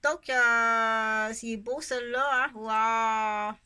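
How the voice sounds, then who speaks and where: A middle-aged Canadian vlogger with a Québécois French accent talks casually and unscripted to her camera and viewers. Her high voice has a sharp, bright edge, yet her tone stays steady, smooth and very slow. She wanders from point to point and repeats phrases for emphasis.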